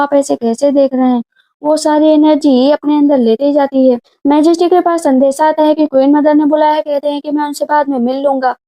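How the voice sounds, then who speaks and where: A woman's voice: sits high, warm tone. A woman narrating a drama recap in a casual storytelling way, speaking the characters' lines in her own voice. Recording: dull lo-fi sound.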